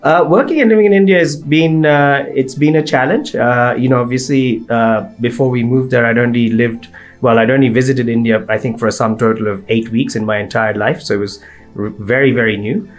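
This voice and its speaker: A man's voice: mid-range voice, fairly even intonation, a little fast. A man in his forties from Kenya speaks as a podcast guest. His voice sits in the middle range, and he tells his story fluently and evenly. Faint music plays in the background. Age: 40s. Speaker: guest, recruitment firm partner. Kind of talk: interview.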